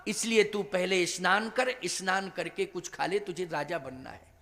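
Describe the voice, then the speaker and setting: A man's voice: high voice, unhurried, a bit bright, in a large hall, a little hiss or hum. A male preacher voicing a loving, affectionate queen mother in devotional storytelling, pleading and tender. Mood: coaxing.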